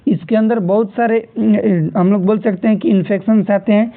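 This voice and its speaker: A man's voice: high voice, fairly even intonation, normal speed. A man going through nursing exam questions as a tutor, repeating key terms and telling students to remember them. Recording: tinny phone-like audio.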